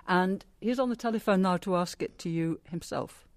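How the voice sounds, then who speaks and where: A radio presenter leading an interview in a chatty, teasing way, with lively asides. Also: medium pitch, moderate pace.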